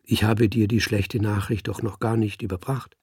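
A man's voice: lowish voice, little pitch movement, normal speed, a little mellow, breathy edge, dry recording, clean studio sound. A man voicing a scheming ship's mate with a thin, whispering voice in a storybook reading. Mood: insinuating.

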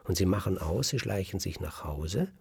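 Low, gravelly male storyteller. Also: normal speed, no room sound. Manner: lively, dramatic, drops to a whisper for suspense. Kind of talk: oral folk-tale storytelling.

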